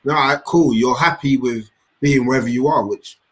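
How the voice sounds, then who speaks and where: A man's voice: mid-range voice, normal speed, a bit bright, breathy edge, low-quality recording. A man, a podcast panellist in casual chat.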